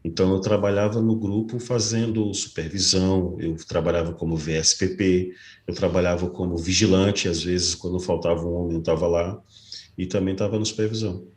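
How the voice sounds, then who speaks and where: A man, a security guard being interviewed. His voice sits very low, and he tells his story in an earnest, polite way. The sound carries a roomy echo, like a video call from a bare room. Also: fairly even intonation, fairly quick, a little mellow. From Brazil. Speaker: guest, private security guard. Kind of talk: casual interview.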